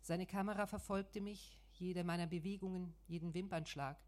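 A woman narrating a first-person memoir audiobook in a measured, reflective way. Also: lowish voice, steady tone, a little mellow.

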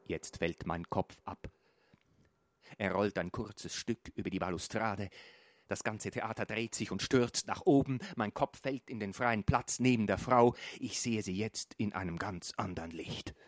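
A man reading a surreal story aloud, swinging from a hushed murmur to a raised, urgent voice and often stumbling over his words. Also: fairly low pitch, unhurried, no echo. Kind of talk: literary reading.

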